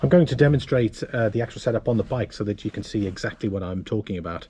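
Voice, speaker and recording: A low-voiced man talks through gear as a vlogger, casually and step by step. He often restarts and corrects his phrasing as he explains. Faint noise sits behind his voice. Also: animated, fast talker, mellow. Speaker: motovlogger and presenter. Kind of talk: casual product walkthrough to camera.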